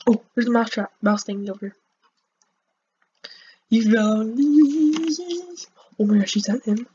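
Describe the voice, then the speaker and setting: A woman's voice: medium pitch, moderate pace, breathy edge. A woman chatting casually as she plays and comments on a video game, talking to her viewers. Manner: chatty, excitable, talks to viewers. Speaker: gameplay commentator. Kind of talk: casual let's-play chat. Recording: dull lo-fi mic with faint hiss.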